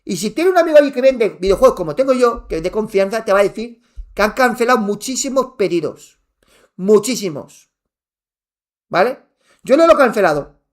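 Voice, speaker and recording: A worked-up man from talks to his live chat in a loud, near-shouting rant, circling back over the same points and swearing freely. His voice sits fairly high for a man and swings widely in pitch as he argues. He wears headphones while he streams. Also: sing-song, a little fast, long pauses. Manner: heated, ranting, repeats himself, swears, near shouting. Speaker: gaming streamer answering chat. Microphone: wearing headphones.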